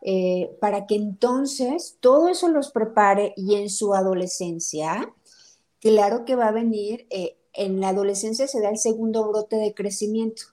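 A woman talks through breastfeeding and baby care. Her delivery is direct and explanatory, setting myths straight with plain, confident reasoning. Her voice sits at a middle pitch. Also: unhurried, mellow. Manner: direct, myth-busting, explanatory. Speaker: parenting and breastfeeding advisor. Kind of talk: informative conversation.

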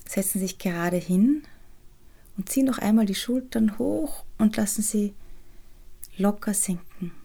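A woman guides a meditation in a soft, soothing half-whisper, pausing often. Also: mid-range voice, creaky, slightly rough. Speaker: podcast host and resilience trainer guiding a meditation.

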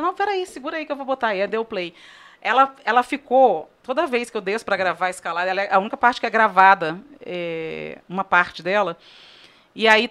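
A woman's voice: medium pitch, clean tone. A Brazilian woman, a TV news editor, telling funny work stories in a casual podcast chat. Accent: Brazilian Portuguese. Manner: lively storyteller, laughs while telling anecdotes.

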